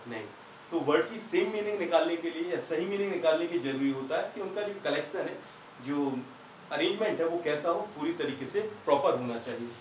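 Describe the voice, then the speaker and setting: A man's voice: sits high, a little hiss or hum. A man teaching English grammar in Hindi, patiently asking questions and answering them himself. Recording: echoey room, far from the mic.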